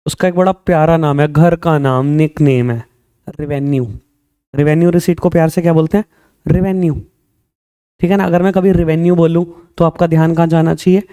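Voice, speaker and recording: A man teaching accounting in a smooth, dark, slightly higher voice. He keeps firing quick questions at his students and slows down to stress English definitions. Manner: calls students "beta", quizzes them with quick questions; mixes Hindi with English terms, slow stressed definitions. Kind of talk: classroom lecture.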